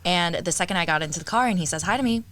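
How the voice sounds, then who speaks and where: Young woman guest on a chat podcast, bright tone and fairly low pitch, animated storyteller who laughs a lot. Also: very fast, slight background noise. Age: young adult. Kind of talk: casual chat.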